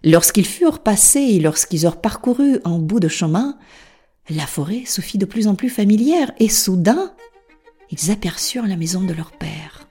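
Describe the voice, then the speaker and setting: A woman reading a fairy tale aloud in a soft, half-whispered narration. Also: mid-range voice, animated, moderate pace, husky, faint music behind. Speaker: storyteller.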